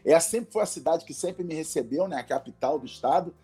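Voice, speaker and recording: A middle-aged Brazilian man speaks with a strong Carioca accent, his voice mellow and a touch high. He talks effusively and fervently, like a pastor guesting on a radio show, with faint music playing behind him. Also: fairly quick, slightly rough. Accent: Carioca Portuguese. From Rio de Janeiro, Brazil. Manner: effusive, fervent, peppered with religious exclamations. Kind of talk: casual radio interview chat. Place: radio studio.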